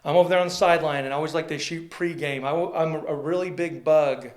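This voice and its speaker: A man tells long, rambling stories as a guest, slipping into the voices of the people he quotes. His voice sits a little high for a man. The room rings with a clear echo around him. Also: steady tone, fast, darkish tone. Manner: rambling, folksy, acts out quoted dialogue. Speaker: sports photographer guest. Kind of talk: casual storytelling interview. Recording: roomy echo.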